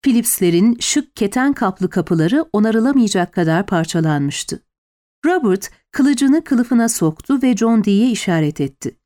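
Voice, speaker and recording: A woman reading a historical novel aloud in the first person, dramatic and expressive. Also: mid-range voice, measured pace. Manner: expressive, lively storytelling. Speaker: audiobook narrator.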